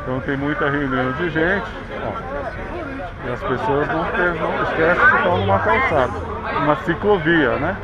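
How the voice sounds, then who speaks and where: A man's voice: on the high side, very animated, moderate pace, a loud crowd. A Brazilian man narrating a city bike ride outdoors, chatting like a tour guide and pointing things out along the way. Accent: Brazilian Portuguese. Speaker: vlogger. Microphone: action camera on handlebars. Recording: dull action-camera audio with street noise.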